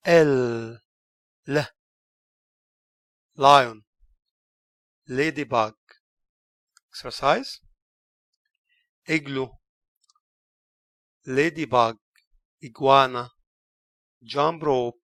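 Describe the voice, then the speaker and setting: Slow, deliberate Egyptian teacher. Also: male voice, mid-range voice, fairly bright tone, no room sound. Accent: Egyptian Arabic. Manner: sounds out each letter and word, then explains. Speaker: English teacher. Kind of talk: recorded language lesson.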